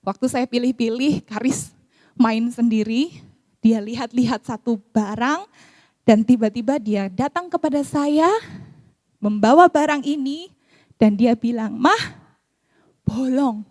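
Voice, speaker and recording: A woman, preaching and counseling in a lively sermon style. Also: on the high side, a little slow, dry recording, clean studio sound. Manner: lively, acts out quoted voices. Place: church.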